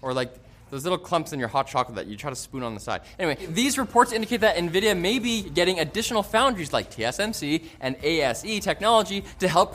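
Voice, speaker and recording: A man hosting a tech news rundown, reading a script with jokey, sarcastic asides. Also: fairly high pitch. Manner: sarcastic, jokey, animated delivery.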